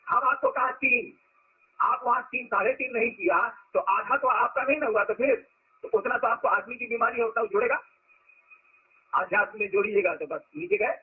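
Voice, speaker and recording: A man's voice: very high voice, slightly rough, narrow, tinny audio. A man giving an informal spiritual discourse as a teacher, talking conversationally and asking rhetorical questions.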